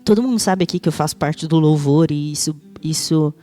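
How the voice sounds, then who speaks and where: Mellow São woman giving testimony. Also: deep voice, a little fast, faint music behind. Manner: conversational, many fillers and restarts, quotes others in dialogue. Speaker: church member giving testimony. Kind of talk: personal testimony in church. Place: church.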